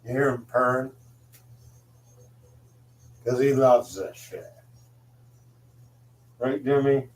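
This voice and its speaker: A man's voice: medium pitch, slow, long pauses, a little mellow. A man hosting a live cooking stream from his kitchen, chatting casually, swearing offhandedly and talking to his cat. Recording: voice a bit distant from the mic.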